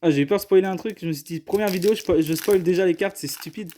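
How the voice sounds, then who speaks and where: With a high, warm voice and a quick pace, a man chats casually as he unboxes trading cards on camera, and a little hiss or hum can be heard. His manner is hesitant, apologetic and self-deprecating, with frequent apologies.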